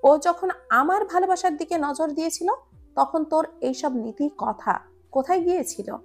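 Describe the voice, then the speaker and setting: A man's voice: very high voice, animated, measured pace, gravelly, full character voice. A woman voicing an angry, scornful young man in a romance story.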